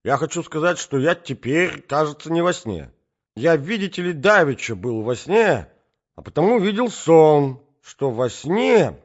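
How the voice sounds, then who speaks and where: A bewildered elderly prince, put on by a man reading aloud drifts between agreement and confusion. His voice sits well above the reader's own and wanders in pitch. The recording is dull and lo-fi. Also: very animated, unhurried. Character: befuddled elderly male prince, muddled.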